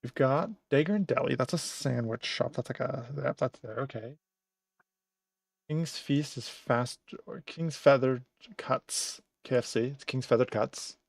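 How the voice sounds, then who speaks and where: A man's voice: mid-range voice, unhurried, gravelly, dry recording. Man thinking aloud on stream, dry close sound. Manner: thinks aloud while working. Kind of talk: casual stream narration.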